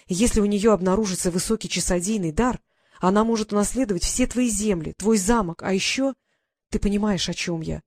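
A woman's voice: mid-range voice, a little fast, a little mellow, no room sound, clean studio sound, natural voice. Woman reading a bloodthirsty, insistent woman servant. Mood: insistent, hateful. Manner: insistent, heated. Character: bloodthirsty devoted woman servant, fairy-hating.

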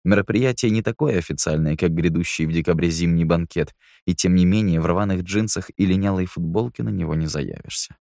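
Deep-voiced male audiobook narrator. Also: fairly quick, gravelly, hardly any pauses, darkish tone, dry recording, clean studio sound.

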